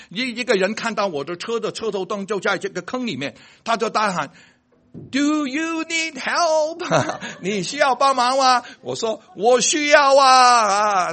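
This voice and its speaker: A man telling a personal faith story about a car accident, checking that listeners follow him and stumbling over words when excited. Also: high-pitched, slightly rough. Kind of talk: animated storytelling.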